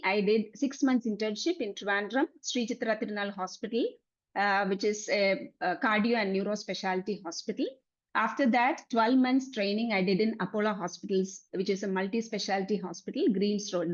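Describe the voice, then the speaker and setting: A Malayali-accented woman in her forties from Kerala, India, gives a personal presentation tracing her career as a dietitian. Her voice is mid-range, and the recording sounds lo-fi.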